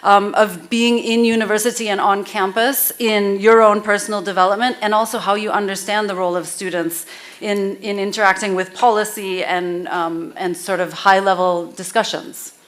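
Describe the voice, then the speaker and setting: A woman's voice: mid-range voice, flat delivery. A woman moderating a conference panel from a lectern in a lecture hall, speaking thoughtfully and introducing the next speaker. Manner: thoughtful, measured, with "um" fillers. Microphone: lectern mic.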